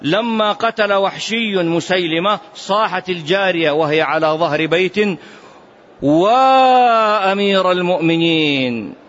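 A man teaching a religious class, quizzing his students with animated, mocking asides. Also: sits high, moderate pace, highs cut off. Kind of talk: classroom lesson.

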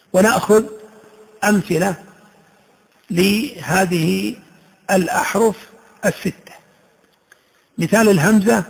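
A man teaching Quran recitation rules, explaining slowly and reciting each example word in a drawn-out way. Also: sits high, gravelly, slightly rough, rough recording.

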